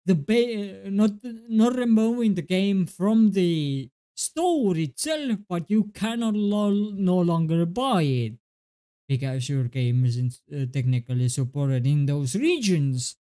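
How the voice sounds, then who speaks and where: A young man with an Estonian accent ranting to his webcam, exasperated and swearing, with halting restarts. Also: high voice, lively intonation, warm tone, smooth. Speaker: gaming video creator. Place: small indoor room at a desk. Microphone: webcam close up.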